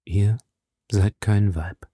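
A man's voice: lowish voice, moderate pace, mellow, breathy edge, dry recording, clean studio sound. A man reading as a cold, stern nobleman. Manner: cold and severe.

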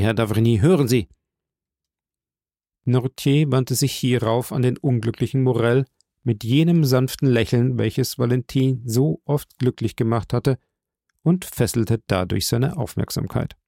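A man reading a classic novel aloud as an audiobook narrator, in measured, even storytelling. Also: mid-range voice, vocal fry, dry recording, clean studio sound.

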